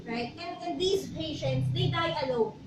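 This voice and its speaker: A woman co-hosting a church talk show in a casual, chatty way. She slows down and speaks deliberately when she reads scripture. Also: sits high, echoey room, recorded from a distance, heavy background noise. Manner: chatty, switches into slow deliberate English when reading scripture. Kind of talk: casual faith talk, reading Bible verses.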